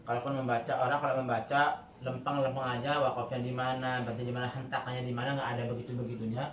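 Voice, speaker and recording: A man's voice: mid-range voice, level tone, fast, slight background noise. A man teaching Quran recitation rules to his students in a casual, chatty way, often breaking into melodic chanting to demonstrate, heard from a distance in a roomy space with faint crickets. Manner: chatty, laughs while telling anecdotes. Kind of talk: casual tajwid lesson to students.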